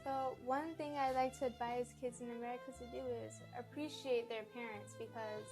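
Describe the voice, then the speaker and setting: A woman's voice: fairly high pitch, fairly even intonation, normal speed, music in the background. A young female interviewee answering questions in a casual, chatty way.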